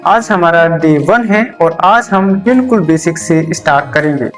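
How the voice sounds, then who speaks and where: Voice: mid-range voice, animated, moderate pace, soft background music. A teacher gives a beginner English lesson explained in Hindi, repeating key terms and answering their own questions while writing examples on a board.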